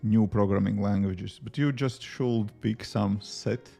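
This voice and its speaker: Soft music plays behind this Latvian-accented man, a native Latvian speaker who develops apps on a livestream. Between coding tasks he rambles through casual answers to chat questions, using lots of fillers. He sounds low-ish and mellow, with vocal fry, fairly even intonation and a slightly slow pace.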